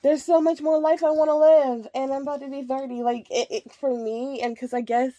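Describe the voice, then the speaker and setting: In a dry, muffled recording, a woman in her 30s rambles casually while packing clothes in a child's bedroom. Her voice is high-pitched, steady and warm, a little fast, and slightly nasal from a cold; she laughs often and uses lots of "like" and "um" throughout the chat.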